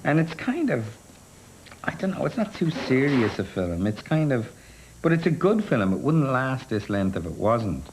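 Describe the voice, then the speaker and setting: An Irish man giving a documentary interview, thinking out loud in a loose, hedging way. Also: medium pitch, sing-song, normal speed, slight background noise, rough recording. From Ireland. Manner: musing, loose, full of hedges.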